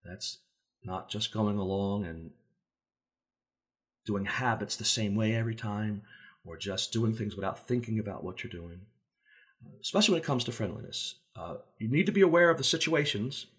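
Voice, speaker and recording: A man speaking as a safety trainer in a relaxed, conversational teaching talk, using everyday examples and briefly acting out voices. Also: fairly low pitch, moderate pace. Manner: acts out contrasting voices to make points.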